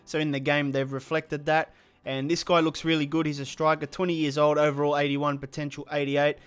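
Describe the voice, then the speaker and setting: A man with a fairly high, bright, clean voice and a slight sore throat hosts a gaming channel, running through a video game update's stats in a casual, matter-of-fact way.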